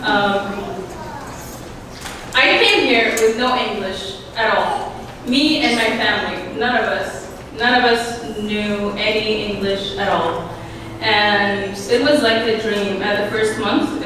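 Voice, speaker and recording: A teenage girl from Syria giving a nervous, hesitant personal speech at an event, with many fillers and small laughs. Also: mid-range voice. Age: teens. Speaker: new citizen speaker. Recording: echoey hall from far off, noisy.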